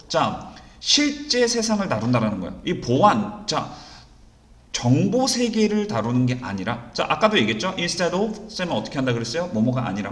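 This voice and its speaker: Man teaching with lively pitch and echo. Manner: rhetorical questions answered himself, frequent "자"; reads English passages slowly and deliberately. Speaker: English teacher. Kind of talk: exam-prep reading lesson. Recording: roomy echo.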